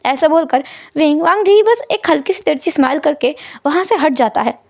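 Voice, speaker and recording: A woman retells a romance story in a relaxed, chatty way. Her voice sits high, and the sound is dry and close to the mic. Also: normal speed, vocal fry, no room sound. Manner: conversational, retelling. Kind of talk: narrating a fan fiction story.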